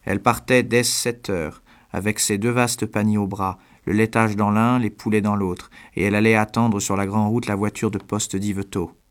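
A man reading a classic story aloud in a measured way, with long pauses between phrases. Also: lowish voice, little pitch movement. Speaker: narrator.

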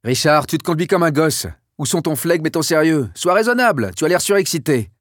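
A man voicing a gruff, blustering army general who gives orders and loses his temper, for an audiobook. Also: medium pitch, a little mellow, no echo, clean studio sound, natural voice. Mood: exasperated. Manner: commanding, quick to explode. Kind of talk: audiobook character voice.

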